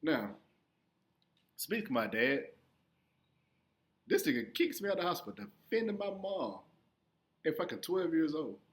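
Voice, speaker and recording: A young man telling a profane stand-up story, acting out his younger self in sudden high squeaky voices. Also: very animated, a little slow, pauses often. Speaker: stand-up comedian.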